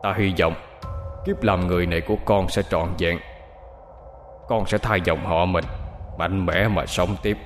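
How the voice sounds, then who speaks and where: A man voicing an ancient male python spirit, stern and solemn, speaking slowly and low. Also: expressive, faint music behind, natural voice. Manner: slow, solemn, commanding.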